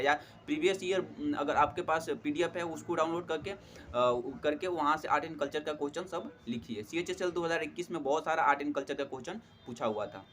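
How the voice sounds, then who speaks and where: A fairly high, somewhat bright male voice, with slight background noise, belongs to a young exam prep tutor. He shares study advice casually and warmly, keeps saying "theek hai doston," calls his audience friends, and uses many fillers.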